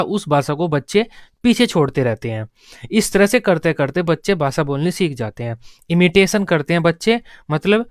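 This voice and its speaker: A man's voice: on the high side, clean tone, no echo, clean studio sound. A man teaching an exam-prep lesson, repeating key terms and asking and answering his own questions. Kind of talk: classroom lecture.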